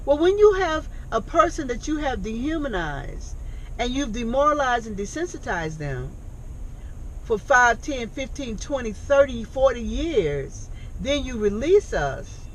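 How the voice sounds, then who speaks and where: Lively-voiced woman in her sixties, emphatic. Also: a little high, unhurried, slight background noise, rough recording. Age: 60s. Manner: earnest, emphatic, questions pointedly. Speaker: thrift store owner and reentry program founder. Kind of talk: casual conversation.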